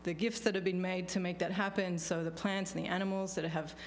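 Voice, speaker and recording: Australian woman, lower voice, giving a conference talk. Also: flat delivery, brisk, slight background noise. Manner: thoughtful, with many fillers and restarts. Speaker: panelist, law professor. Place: law school lecture hall. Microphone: podium microphone on stand.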